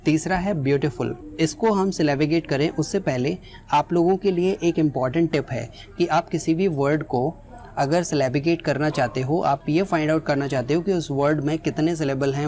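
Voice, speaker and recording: Patient English teacher explaining pronunciation. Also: female voice, deep voice, dark tone. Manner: explains step by step, mixing in English phrases. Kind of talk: spoken lesson with examples.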